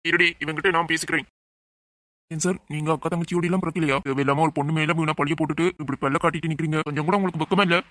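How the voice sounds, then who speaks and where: A man voicing a righteous young villager in a cartoon, stern and lecturing as he scolds a man for wronging his sister. His voice is bright and a little high, and the words come fast. The recording is dry and close. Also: fairly even intonation, no room sound, close to an everyday voice. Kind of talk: cartoon voice acting.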